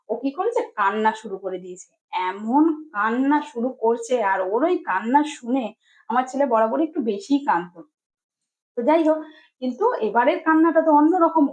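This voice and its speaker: A young mother tells a personal story straight to her viewers. Her voice sits high, and she rambles in a casual, chatty way, circling back with fillers and restarts. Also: rough recording.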